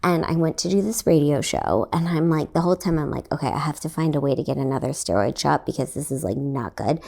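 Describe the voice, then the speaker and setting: Talking quickly with lively intonation, a young Texan woman tells a rambling, filler-heavy story on the podcast she hosts as a comedian. Her voice is low, gravelly, and dark in tone. It's casual solo podcast storytelling.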